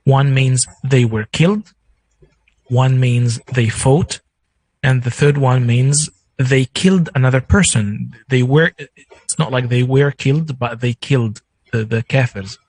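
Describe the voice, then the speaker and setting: Gravelly, husky man explaining steadily. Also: mid-range voice, a little mellow, no echo, poor audio. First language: Arabic. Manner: measured, explains with examples. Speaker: guest speaker. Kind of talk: explanatory discussion.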